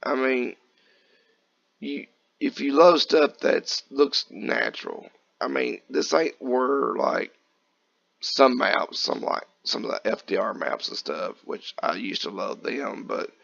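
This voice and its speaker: Guy, kentucky, gravelly just-woke-up voice, laid back game commentary. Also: mid-range voice, slow, lo-fi sound. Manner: relaxed, rambling, folksy. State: raspy, just woken up. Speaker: gaming channel host. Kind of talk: casual gameplay commentary.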